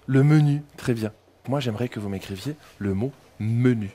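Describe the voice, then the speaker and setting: A woman's voice: a bass voice, moderate pace, mellow. A woman teacher in a classroom with a French Polynesian accent, patiently prompting young pupils syllable by syllable. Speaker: kindergarten teacher.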